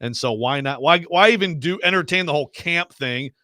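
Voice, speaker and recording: Male sports radio host, forceful and clear, slightly high voice, wordy casual talker. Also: a little fast, no room sound, clean studio sound.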